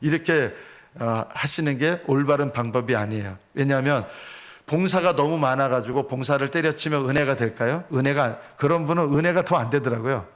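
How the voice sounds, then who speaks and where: A man's voice: medium pitch, brisk. A male pastor, preaching a sermon earnestly and posing rhetorical questions to the congregation.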